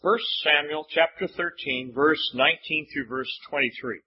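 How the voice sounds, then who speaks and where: A male pastor preaching at a pulpit microphone, pausing for an interpreter and emphatically repeating words as he builds a point. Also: fairly high pitch, husky, dull audio. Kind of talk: sermon with line-by-line interpreter.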